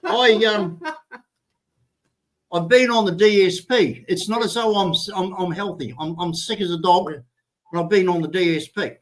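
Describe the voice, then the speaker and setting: A man holds forth in a casual streamed chat, voice sitting high for a man. He talks bluntly, swears freely, and trips over restarts as he makes his point. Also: moderate pace. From New Zealand. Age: 60s. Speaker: show co-host.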